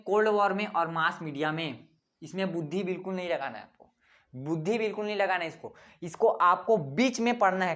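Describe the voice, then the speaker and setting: A man's voice: high-pitched, fairly bright tone. A young man, a tutor laying out an exam study plan in a casual lesson. He talks bluntly and teasingly, asking rhetorical questions and repeating the answers.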